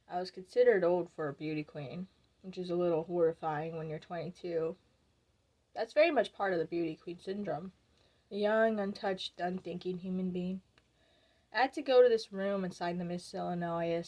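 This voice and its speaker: A wry, sharp-tongued young former beauty queen, played by a woman in a stage monologue recounts her reign with dry, defiant humor. Her storytelling voice stays conversational and pointed, briefly mimicking the people she quotes. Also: lowish voice, natural voice. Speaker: actor performing a monologue. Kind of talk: theatrical monologue.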